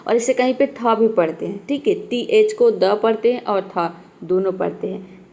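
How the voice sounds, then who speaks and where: A woman's voice: medium pitch, gravelly, a little mellow. A woman teaching English spelling rules, explaining patiently and repeating each point with questions she then answers. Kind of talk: spoken English lesson.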